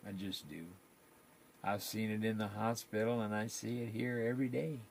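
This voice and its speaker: A man's voice: lowish voice, fairly even intonation, moderate pace, vocal fry, slight background noise. An older man, chatting casually and rambling in folksy, colloquial talk on his live stream.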